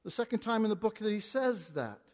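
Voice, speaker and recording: High-voiced preacher in a reverberant hall. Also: male voice, animated, fairly quick. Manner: reads scripture aloud, swings between hushed and emphatic; stumbling restarts. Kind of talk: expository sermon. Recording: long reverb of a large hall.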